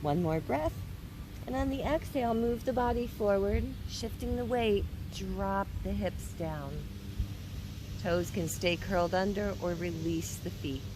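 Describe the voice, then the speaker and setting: A woman giving guided yoga instruction in a careful, unhurried way. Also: mid-range voice, background noise.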